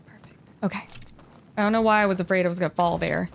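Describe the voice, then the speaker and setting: A woman hosting a let's-play, thinking aloud with curiosity as she narrates her moves, sometimes dropping to a hush. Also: lowish voice, steady tone, fast talker, creaky, slight background noise. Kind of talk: casual gameplay commentary. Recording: faint game music behind.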